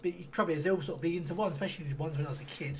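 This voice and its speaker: A man voicing a wandering half-elf male handyman in a tabletop role-play, talking in a folksy, rough way full of fillers. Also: on the high side, racing, slight background noise, lightly acted. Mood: rambling.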